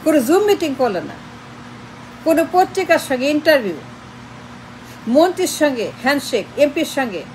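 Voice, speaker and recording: A woman with a high voice, hammering away with question after question in a heated political rant. She mixes Bengali and English in her demands. Faint traffic hum sits behind her. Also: big pitch swings, fairly quick, long pauses, darkish tone, rough recording. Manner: confrontational, fires repeated rhetorical questions; switches between Bengali and English. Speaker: political commentator. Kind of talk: impassioned online political monologue.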